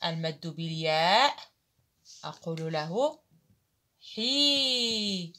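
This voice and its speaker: A woman teaching Arabic writing to children, slowly calling out each syllable and praising often. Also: on the low side, lively intonation. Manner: slow, deliberate, calls out each syllable loudly.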